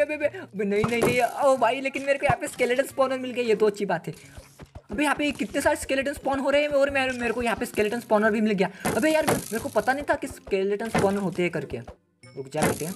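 Over faint game music, a man with a very high-pitched voice hosts a gaming channel, giving rapid Let's Play commentary on his gameplay. He's excitable and constantly fires off slangy exclamations.

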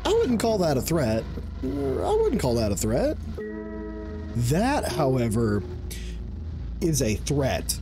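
A gaming video host in his thirties gives casual, jokey gameplay commentary from an indoor gaming setup, often repeating himself and swearing. His fairly high voice swings hugely in pitch at a slow pace with long pauses, picked up by a close desk microphone and headset over game music.

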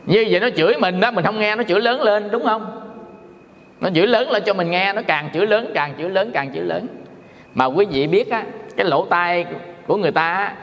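A man's voice: high voice, a little fast, a bit bright. A middle-aged man from Vietnam, a Buddhist monk giving a folksy, joking dharma talk in which he acts out quarrels. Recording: long hall reverb.

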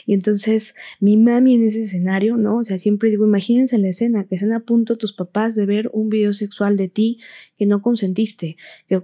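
A woman's voice: mid-range voice, warm tone. A woman, a podcast guest telling her personal story with fervent, impassioned delivery. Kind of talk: emotional personal testimony.

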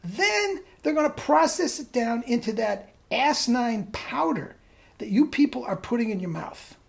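Brief: woman weight-loss coach, mocking rant, animated high voice. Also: moderate pace, gravelly. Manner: scornful, mocking, laughs at own rant. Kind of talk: ranting video monologue.

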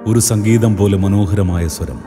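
A man narrating a horror audio story in an intense, theatrical way that rises to shouts. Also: lowish voice, moderate pace. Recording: reverberant with music behind.

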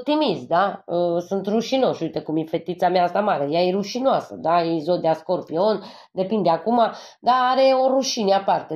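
A woman's voice: mid-range voice, darkish tone. A woman from Transylvania doing a tarot reading for her viewers. She is a little congested from a cold, speaks to them fondly and keeps checking in with a questioning "yes?". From Transylvania, Romania. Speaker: tarot card reader. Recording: dull lo-fi recording.

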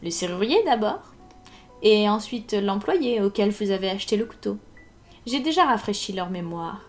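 A woman's voice: medium pitch, lively intonation, normal speed, natural voice. A woman reading aloud plays a cold, relentless male ex-police inspector who speaks dryly and with hard precision, over faint music. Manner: dry, hard, precise, menacing. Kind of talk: live audiobook reading.

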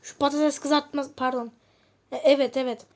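A woman's voice: high-pitched, fairly even intonation, normal speed. A woman giving casual commentary while playing a game, chatting and muttering to herself with frustrated outbursts. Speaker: gamer.

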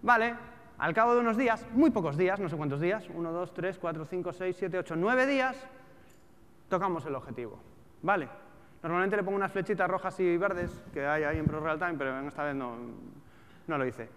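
Speaking briskly in a high-pitched, fairly bright voice, this trader and trading educator, a man in his thirties with a European Spanish accent, addresses a seated crowd from a large auditorium stage. His talk is casual and colloquial, full of rhetorical questions, recorded in an echoey hall with background noise.

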